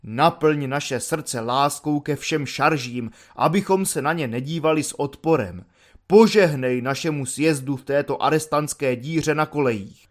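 Brief: man reading a wordy, ironic young volunteer, smooth and mock-polite. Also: a little high, natural voice. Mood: mock solemn. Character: sardonic educated young army volunteer.

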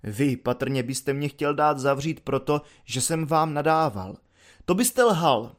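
A man's voice: fairly high pitch, lightly acted. A man voicing an educated young army volunteer who lectures in a mock-soothing, ironic and wordy way.

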